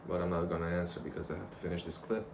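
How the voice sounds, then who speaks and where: A man's voice: low voice, little pitch movement, racing. A young man rambling casually and reflectively to a camera, in a loose conversational monologue. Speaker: vlogger. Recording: clear background noise.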